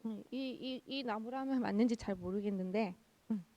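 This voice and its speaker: A young woman pastor giving a children's sermon, lively, asking the kids questions and answering them herself. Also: fairly high pitch, moderate pace, muffled recording.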